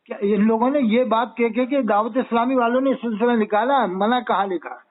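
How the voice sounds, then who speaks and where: A man's voice: very high voice, fairly quick. A man, an Islamic scholar, arguing a religious point with rhetorical questions and recited Quranic Arabic. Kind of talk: religious debate chat. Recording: tinny phone-like line.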